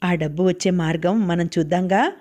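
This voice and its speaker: A woman's voice: fairly low pitch, a little fast, dark tone, lightly acted. A woman reading the lines of a husband pressing his wife for money. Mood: insistent. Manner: insistent, pressing. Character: pleading, then angry young husband.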